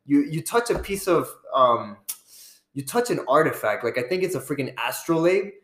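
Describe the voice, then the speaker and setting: An excitable young man talks in loose, casual chat, swearing freely and tossing in "bro" at every turn. His voice sits a touch high. The recording carries a roomy echo. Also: normal speed.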